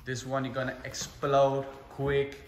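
A man's voice: medium pitch, monotone, unhurried. Man coaching a workout in an echoey gym. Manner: urging, commanding, encouraging. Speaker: kickboxing coach leading a heavy bag class. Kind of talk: workout coaching with short shouted cues and countdowns. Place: indoor kickboxing gym with mats and mirrors. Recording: echoey gym with clear background noise, clicks.

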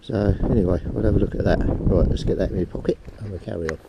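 In a low voice with vocal fry, this man talks fast to his head-mounted camera while metal detecting on a beach, rambling casually as he digs. The recording sounds muffled and wind-buffeted, with wind and sea noise around him.

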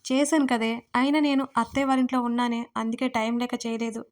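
Whiny young woman friend, quick to tears, pitched a little high, read by a woman. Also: level tone, natural voice. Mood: pleading. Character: young woman friend, tearful and easily teased.

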